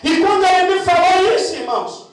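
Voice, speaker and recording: High-pitched shouting Brazilian preacher in echo. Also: male voice, animated, a little fast. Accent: Brazilian Portuguese. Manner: shouting fervently, addressing the congregation. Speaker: deacon preaching. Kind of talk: impassioned sermon testimony. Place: large echoing church. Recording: echoey church hall, far from the mic.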